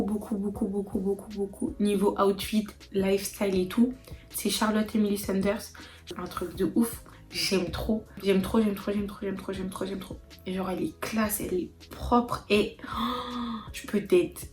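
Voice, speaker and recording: A young woman with a French accent answering viewer questions in a casual vlog, emphatic and animated, repeating words for emphasis. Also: medium pitch, roomy sound. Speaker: vlogger.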